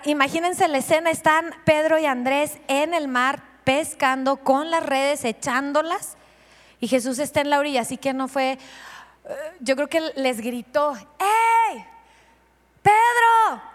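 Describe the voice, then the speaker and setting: A woman pastor's high voice carries a big-room sound as she delivers her sermon. Lively throughout, she asks the congregation questions and brings the scenes she tells to life by acting them out.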